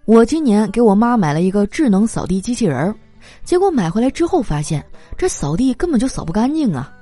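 Woman, comic storyteller, lively intonation, soft music behind. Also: medium pitch, a little fast. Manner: lively, animated, laughs through punchlines. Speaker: comedy monologue performer. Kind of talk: stand-up style comic storytelling.

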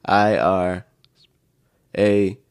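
A young man co-hosting a casual podcast chat, quiet and dry-humored. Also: sits low, little pitch movement, very slow, clear, resonant tone. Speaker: podcast co-host.

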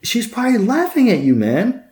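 A man's voice: extremely high pitch, huge pitch swings, moderate pace, darkish tone. A man hosting a dating podcast, giving blunt, harsh advice in a scolding monologue full of stammered repeats. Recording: echoey room.

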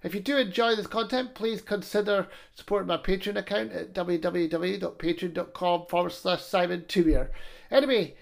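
A man's voice: high-pitched, normal speed, creaky. A man hosting his own podcast, asking a guest short, friendly questions in a casual chat. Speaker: podcast host.

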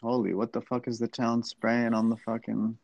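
A man's voice: medium pitch, completely flat delivery, normal speed, creaky, darkish tone, slight background noise. A man in his forties chatting as a guest, dry and terse in his replies, swearing casually. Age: 40s. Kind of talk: casual chat.

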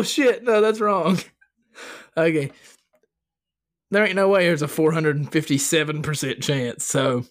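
Slangy, swearing man co-hosting a podcast. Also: a little high. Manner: slangy, jokey, swears freely. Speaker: podcast co-host. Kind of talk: casual, profane banter.

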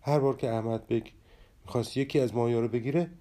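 A man tells a storybook tale in a calm, measured way. His voice sits at a middle pitch with a dark, mellow tone. He reads it as steady, even narration.

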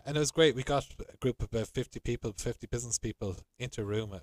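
A middle-aged man speaks in a west of Ireland accent. He co-hosts a podcast in a conversational style, with a medium-pitched voice. The sound is dry, with no room echo. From Galway, Ireland. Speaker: podcast co-host, hotel sales professional.

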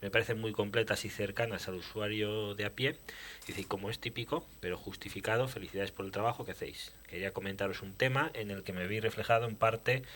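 Podcast co-host, male, lowish bright voice, relaxed chat, faint hum behind. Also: fast talker. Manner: reads listener emails aloud. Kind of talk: casual chat.

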